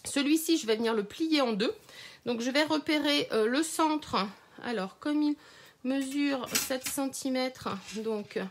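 A woman's voice: sits high, a little slow, slight background noise. A woman runs a live crafting tutorial, chatting to viewers with many hesitations and little laughs, recorded on a phone. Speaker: craft demonstrator.

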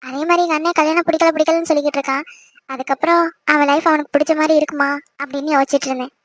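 A woman's voice: high-pitched, fairly even intonation, very fast, fairly bright tone, dry recording, clean studio sound. A woman voicing a shy, playful young newlywed wife who speaks coyly and affectionately. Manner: coy, affectionate, sweetly protesting. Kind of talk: cartoon voice acting.

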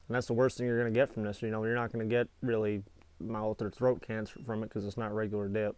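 A man's voice: medium pitch, smooth, no echo. An American man in his twenties reviewing products in a casual, laid-back, plain-spoken chat, talking with a lip full of dip. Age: 20s. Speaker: product reviewer, video channel host. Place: small indoor space with foil-insulated walls.

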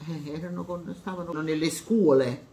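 A woman's voice: low-pitched, normal speed, mellow. An old woman in her seventies with a southern Italian accent from Campania, casually reminiscing in short phrases punctuated with little check-in tags. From Salerno, southern Italy. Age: 70s. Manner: short, fragmented phrases with frequent "eh" and "see?" tags. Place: home kitchen, indoors. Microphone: phone held nearby. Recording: noisy phone recording in kitchen.

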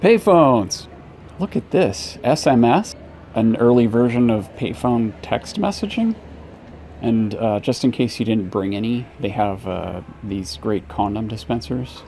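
Male travel vlogger, thirties, dry jokey delivery, mid-pitched voice, filmed handheld with clear street noise behind. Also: lively intonation, measured pace, mellow. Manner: wry, joking asides. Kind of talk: casual travel vlog narration. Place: busy city streets and a large train station. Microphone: handheld camera at arm's length.

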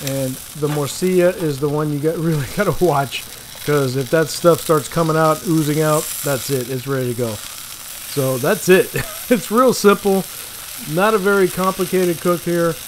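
A man's voice: on the high side, normal speed, a little hiss or hum. A middle-aged man hosting a casual home cooking show, chatty and enthusiastic, laughing often. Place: home kitchen indoors.

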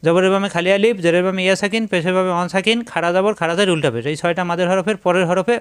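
A man teaching Quran recitation rules step by step. He explains each rule over and over and then chants the words in long, drawn-out tones. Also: high voice, steady tone, clean tone. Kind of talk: tajweed lesson, explaining and demonstrating recitation.

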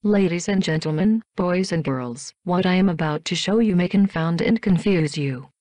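A woman's voice: fairly low pitch, moderate pace, a little mellow, no room sound. A woman voicing a showy robot stage magician in a game clip, with a robotic synthetic voice and grand announcing manner that breaks into error glitches. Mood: theatrical.

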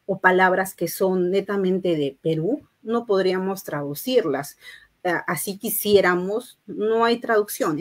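A middle-aged woman with a Peruvian Spanish accent, teaching an English class patiently and reading English phrases slowly for learners to repeat. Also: fairly low pitch. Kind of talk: online class lecture.

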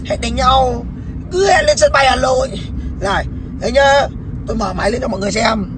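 A man with a strikingly high voice taunts and mocks a rival during a livestreamed phone call, sarcastic and full of profanity. Cars and traffic rumble clearly behind him in an outdoor street recording. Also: a little fast.

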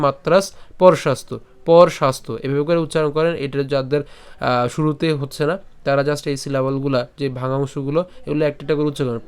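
A man teaching how to pronounce and recite a Sanskrit verse, patiently breaking the words into syllables and repeating them slowly. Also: fairly high pitch, clear, resonant tone. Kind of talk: pronunciation lesson with slow chanted recitation.

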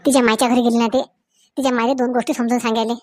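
A woman playing a nagging middle-aged mother-in-law in a comedy sketch, sharp and scolding, with a Varhadi Marathi accent. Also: on the high side, little pitch movement, very fast, no room sound, studio quality, soft background music, natural voice.

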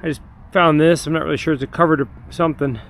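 Fast and a bit bright, this middle-aged man's fairly high voice stays fairly even as he thinks aloud, full of fillers, while metal detecting in parks. The casual narration is captured by an action camera, either handheld or chest-mounted.

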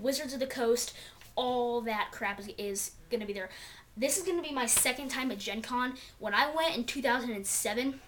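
A woman's voice: on the high side, a little hiss or hum. A young woman chatting casually in a home vlog, rambling with lots of fillers, recorded on a camera mic. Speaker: vlogger.

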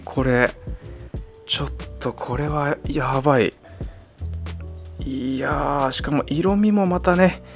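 A man hosting a casual unboxing video, his pitch leaping around as excitement takes over. He laughs and exclaims often between calmer explanations. Soft music plays quietly in the background. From Japan. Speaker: vlogger unboxing toys.

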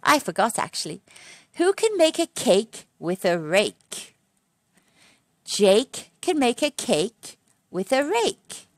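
For a children's phonics storytime, a woman reads a picture book slowly in a slightly high, very animated voice, laying out each word and posing questions to the young listeners like a teacher. The sound is clean studio quality with no room sound.

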